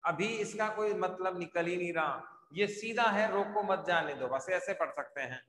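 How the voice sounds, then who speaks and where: A man's voice: sits high, moderate pace, a bit bright. A male teacher giving a live online class, repeatedly asking his students questions and answering them himself as he writes on a board. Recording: echoey room with long reverb.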